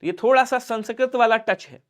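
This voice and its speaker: A young man teaching an online exam-prep class, lively and coaxing, quizzing his students and acting out their replies. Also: very high-pitched, brisk. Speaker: Hindi teacher.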